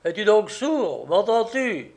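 A man doing a calm, insistent gamekeeper. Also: high-pitched, slow, vocal fry, pitched above the performer's own voice, heavily acted. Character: calm, stubborn male gamekeeper.

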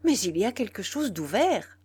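A woman's voice: on the high side, big pitch swings, measured pace, a little mellow, slightly rough, voice pushed up, full character voice. A woman doing a petulant young actress. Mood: irritated. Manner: brusque, complaining.

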